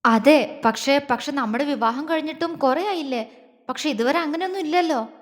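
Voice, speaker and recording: A woman's voice: high voice, natural voice. A woman voicing a tearful, insecure young wife who stammers through her words, with a long hall reverb. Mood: hurt pleading. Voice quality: halting, stammering speech. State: crying.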